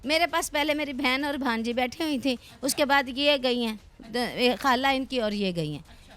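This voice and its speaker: A woman's voice: high voice, a bit bright. A middle-aged woman who runs a religious school, explaining her grievances at length in a news interview. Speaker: madrasa head.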